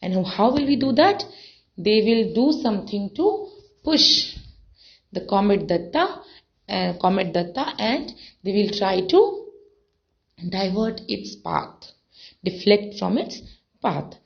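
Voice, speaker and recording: A woman teaching an English textbook lesson, reading passages aloud and explaining words slowly, with many fillers and repetitions. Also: mid-range voice, sing-song, creaky. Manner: slow, repeats and defines words, many fillers. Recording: dull lo-fi recording.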